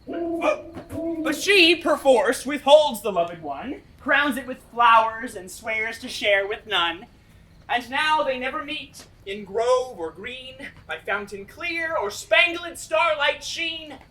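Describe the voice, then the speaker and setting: Woman playing mischievous hobgoblin sprite, high bright voice, theatrical, playful trickster, Shakespearean stage verse. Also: expressive, slow, exaggerated voice. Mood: confiding. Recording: stage recording from a distance.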